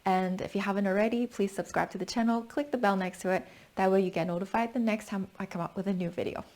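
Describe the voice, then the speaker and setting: A woman with a medium-pitched voice leads a tai chi lesson. She explains as she demonstrates, guiding the listener through each movement with step-by-step cues. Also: steady tone, fast, a little mellow.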